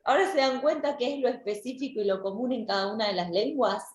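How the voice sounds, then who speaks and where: In an echoey room, a female language teacher gives an online class at a quick pace, her voice on the high side. She explains things step by step, often restarting and repeating words.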